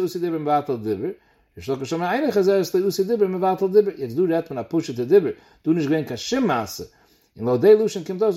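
A man with a Yiddish accent works through a Talmud lesson, explaining the text line by line. His voice sits slightly high for a man and rises and falls in a chanting study cadence. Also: mellow. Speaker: Talmud teacher.

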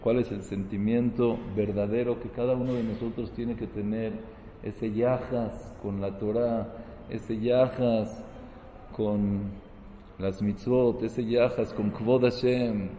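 Rabbi guy preaching slow, hebrew words mixed in, big echoey hall with faint noise. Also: fairly low pitch, steady tone, warm tone. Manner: mixes Spanish with Hebrew terms, builds to emphatic rises. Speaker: rabbi giving a Torah talk. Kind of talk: sermon.

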